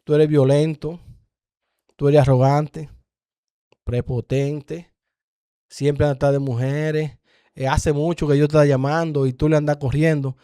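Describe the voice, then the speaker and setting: A man's voice: on the high side, flat delivery, a little slow, long pauses, dark tone, clear, resonant tone, no room sound, studio quality, pitched below the performer's own voice, natural voice. A man quoting a young elegant female satanist while telling a story, speaking bluntly and matter-of-factly.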